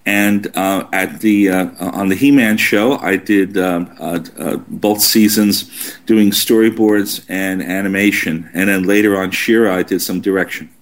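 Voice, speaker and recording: A middle-aged man chatting casually as an interview guest on an internet call, halting and good-humoured. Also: low-pitched, fairly even intonation. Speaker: interview guest, animation director.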